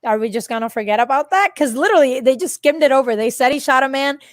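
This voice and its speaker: Giggly higher-voiced woman chatting. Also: fast talker, no room sound, clean studio sound. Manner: giggly, quotes people in put-on voices. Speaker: book club co-host. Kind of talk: casual book discussion.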